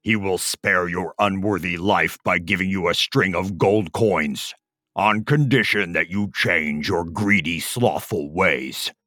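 A man voicing a stern giant male official of heaven who speaks slowly, deep and scornful. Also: bright, forceful tone, dry recording, studio quality, heavily acted.

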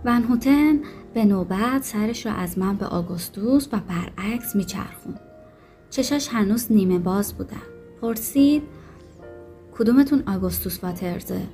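Mellow-voiced woman reading a novel. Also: medium pitch, animated, faint music behind. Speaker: audiobook narrator. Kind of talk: audiobook narration.

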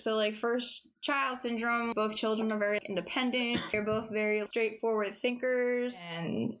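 A woman's voice: medium pitch, a bit bright, slight background noise. A woman in her twenties hosting a podcast, bantering casually with her sibling, laughing often and swearing freely. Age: 20s. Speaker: podcast host.

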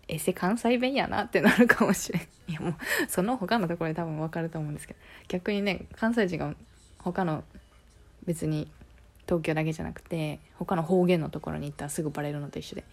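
A woman's voice: deep voice, fast, darkish tone, slightly rough. A woman with a Kansai accent chatting casually on her own, playful and musing aloud, switching between English and Japanese. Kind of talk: casual solo talk, mixing English and Japanese.

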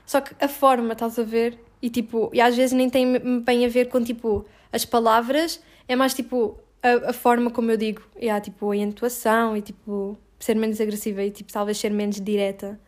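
A woman's voice: fairly high pitch, little pitch movement, moderate pace, few pauses. A woman answering interview questions in a casual, blunt way, full of filler words.

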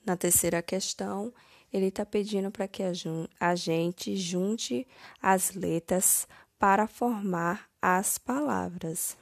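A woman teacher, slowly correcting first-grade homework step by step, stressing each word. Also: on the low side, creaky, dry recording.

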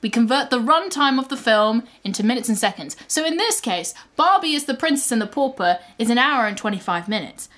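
A woman hosts a casual podcast, recorded at a friend's house. Her voice sits a little high and swings widely in pitch. She is giggly and chatty as she explains how the show works. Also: a bit bright. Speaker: podcast host.

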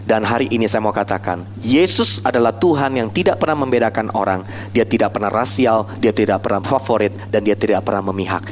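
A man preaching a sermon with animated delivery. He keeps turning to the congregation with rhetorical questions. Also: fairly low pitch, a little hiss or hum.

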